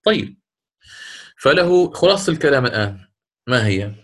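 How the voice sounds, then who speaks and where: A man's voice: medium pitch, very animated, a bit bright. Patient man teaching recitation rules. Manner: patient, step-by-step explanation, chants short verse examples slowly. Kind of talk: recorded lesson.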